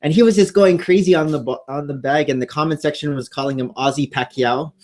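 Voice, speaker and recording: A man co-hosts a casual live stream, talking fast into a new studio microphone and rambling with lots of ums and restarts. His voice is a little high with a darkish tone.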